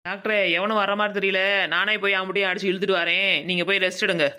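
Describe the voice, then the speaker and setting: A voice actor playing a scatterbrained young village nurse in a cartoon comedy, blunt and quick, with a Madurai Tamil accent. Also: medium pitch, level tone, bright, forceful tone, smooth, natural voice.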